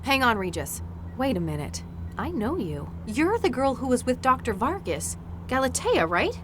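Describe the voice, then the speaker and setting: A no-nonsense female police agent from a sci-fi game, terse and authoritative. Her voice sits fairly high and swings widely in pitch, with clear noise behind it. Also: big pitch swings, moderate pace. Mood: questioning, suspicious. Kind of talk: video game voice acting.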